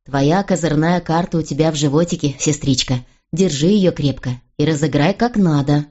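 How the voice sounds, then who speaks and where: A shrewd young nobleman, voiced by a woman reading aloud, talking low and calmly to persuade. The recording is dull and lo-fi. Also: normal speed. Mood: persuasive. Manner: calm, persuasive.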